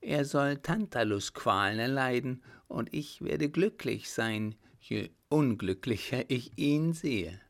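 A man reading an audiobook, voicing a calm, coldly vengeful young woman. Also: mid-range voice, creaky. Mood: cold resolve. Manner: calm, hard, measured. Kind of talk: audiobook character voice.

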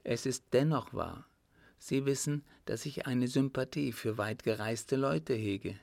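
A man's voice: creaky, no echo. A man voicing a wistful older countess. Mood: confiding. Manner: raised pitch, softly confiding, measured. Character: wistful older widowed countess, rich and resolute. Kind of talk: audiobook reading.

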